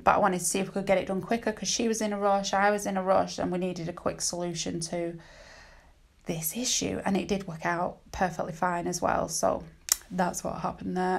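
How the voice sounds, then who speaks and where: A woman's voice: fairly low pitch, creaky. A British woman giving a casual, chatty voice-over tutorial as a nail technician, candid and rambling, often interrupting herself. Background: dogs barking at times.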